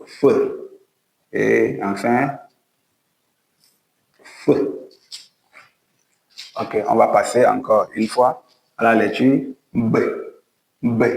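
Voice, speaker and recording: A man's voice: fairly low pitch, vocal fry, reverberant, poor audio. A man teaching how to write and read the letters of an alphabet, guiding each stroke step by step in a patient way. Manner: slow, patient step-by-step instruction. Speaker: language teacher. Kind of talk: writing lesson at a board.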